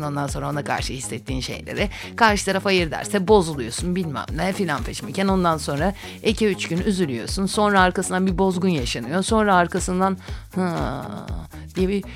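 A woman in her forties chatting casually and gossipily on her own show, often dropping into whispered asides. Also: fairly low pitch. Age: 40s.

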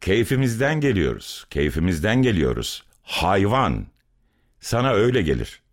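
A man's voice: fairly low pitch, sing-song, moderate pace, voice pushed up. A man voicing a bitter, angry young brick-kiln worker who is far from home, in a dramatic story reading. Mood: scornful. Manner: bitter, accusing, heated.

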